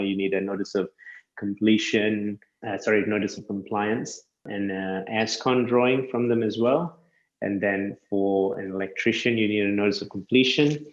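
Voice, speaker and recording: A man who works as a land surveyor, chatting casually and explaining things step by step with quick self-corrections. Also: on the low side, echoey room, lo-fi sound. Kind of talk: casual podcast chat.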